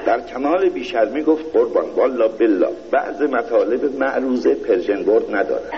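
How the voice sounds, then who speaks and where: A man giving a satirical reading in a mock-royal court style, slow and pompous. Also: mid-range voice, vocal fry, lo-fi sound. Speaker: reader of a satirical piece.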